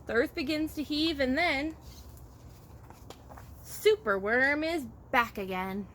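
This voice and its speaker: A woman reading a children's picture book aloud as a childcare storyteller, expressive and rhythmic with the rhymes. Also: high-pitched, slow pace. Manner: expressive, rhythmic rhyming delivery. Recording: faint background noise.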